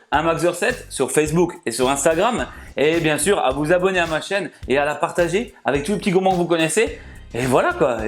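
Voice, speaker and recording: A man with a fairly high voice for a man hosts a home cooking video. He chats and jokes his way through it, laughs often, and talks to viewers as if they were sitting in front of him. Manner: chatty and jokey, often laughing, addresses viewers directly. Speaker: cooking channel host. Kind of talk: casual cooking vlog talk.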